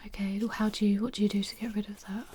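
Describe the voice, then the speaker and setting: A woman's voice: medium pitch, level tone, fast, slight background noise. Whispering woman in a medical exam roleplay. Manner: soft whispering, gentle instructions. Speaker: examining clinician.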